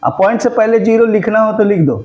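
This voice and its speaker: A man's voice: high voice, expressive, fast, lo-fi sound. A man teaching a maths lesson, often checking that his students follow along. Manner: mixes Hindi with English terms. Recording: echoey room.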